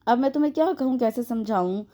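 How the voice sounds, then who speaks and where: A woman reading an audio novel, voicing a caring young woman like an older sister who scolds gently. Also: a little high, animated, quick pace, close to an everyday voice. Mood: weary.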